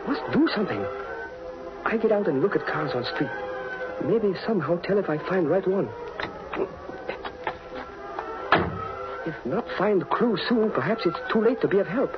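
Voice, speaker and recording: High-voiced loyal sidekick Cato. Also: male voice, expressive, a little fast. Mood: anxious, determined. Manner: clipped broken English, thinking aloud. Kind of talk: 1940s radio acting. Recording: dull 1940s radio broadcast, music behind.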